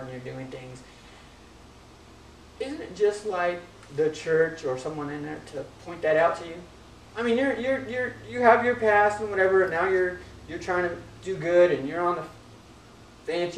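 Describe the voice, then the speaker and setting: A preacher giving a casual, joking sermon in a church hall, reading scripture slowly in between. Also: medium pitch, a little hiss or hum. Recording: echoey room from far off.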